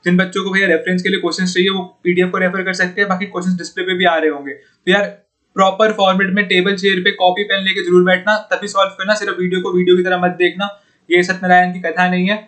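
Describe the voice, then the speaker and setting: A man's voice: sits high, little pitch movement, fast, sharp tone. A young man teaching exam puzzles in a casual, chatty way, often calling his viewers "bhaiya" and "yaar". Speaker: online exam-prep tutor. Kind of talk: informal Hindi lesson solving puzzles.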